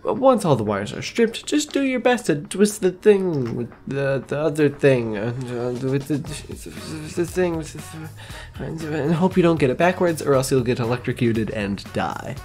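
A man's voice: a little high, sing-song, normal speed, few pauses, darkish tone. Wry man narrating over music. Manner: wry, self-mocking, mock-grandiose wording. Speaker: video creator. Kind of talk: casual scripted narration.

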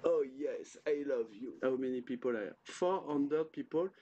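An older man, a native French speaker, talking in halting, jokey English with a French accent on a casual livestream. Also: medium pitch, mellow, muffled recording. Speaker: guest dad on a livestream. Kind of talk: casual livestream chat while scratching lottery tickets. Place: small indoor room. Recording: clearly noisy livestream room sound.

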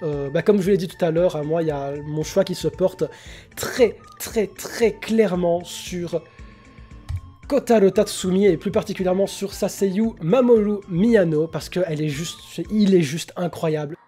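High, mellow-voiced young man. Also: moderate pace, faint music behind. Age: young adult. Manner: enthusiastic, opinionated, hesitant with many fillers. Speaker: anime YouTuber. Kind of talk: casual spoken commentary.

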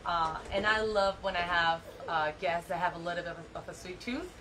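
Chilean woman in her 30s, yacht chef, chatty and a bit hesitant, loud hum behind. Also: lowish voice, a little fast. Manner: friendly, hesitant, lots of fillers. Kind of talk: casual interview. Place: aboard a catamaran. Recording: noisy background with vehicle-like hum.

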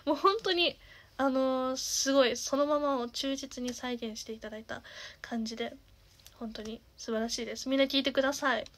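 A young woman in her twenties with a naturally nasal voice, chatting casually as a singer and streamer, with lots of fillers and the odd soft half-whisper. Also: high-pitched, steady tone, a little fast. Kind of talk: casual chat.

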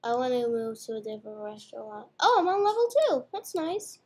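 Very animated and fairly quick, this fairly high, darkish, slightly rough female voice belongs to a young girl playing a restaurant game at home. She's a gamer in casual, playful chat, talking through her own moves over faint background noise and mouse clicks.

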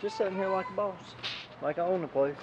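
A man's voice: sits high, quick pace, dull audio, background noise. A man in his thirties chatting playfully on a family beach trip, sometimes speaking for his baby daughter, recorded outdoors on an action camera. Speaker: vlogging dad. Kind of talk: casual family vlog chat. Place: outdoors on a beach and boardwalk, then an indoor spa. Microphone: action camera mic.

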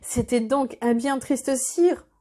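Brief: noble, chastened young prince, read by a woman, formal storybook speech, high-pitched. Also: normal speed, a little mellow, lightly acted. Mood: earnest. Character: young male prince, humbled, earnest and noble.

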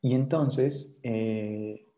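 A man's voice: medium pitch, steady tone, extremely slow, dark tone, low-quality recording. A man with a Colombian accent giving a university lecture to psychology students, insisting on his points and often checking "¿sí?" or "¿vale?". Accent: Colombian Spanish. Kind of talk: classroom lecture.

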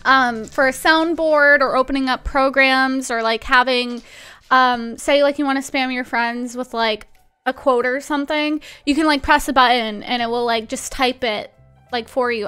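A woman in her twenties chats casually and informally while live-streaming a game, saying "like" a lot. Her voice is high and sharp, and she's in a small indoor room at home.

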